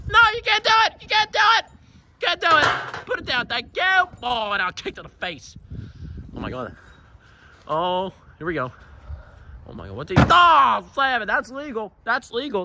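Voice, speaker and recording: A man giving excited, joking play-by-play commentary on a wrestling match and shouting out the count. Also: sits high, noisy background.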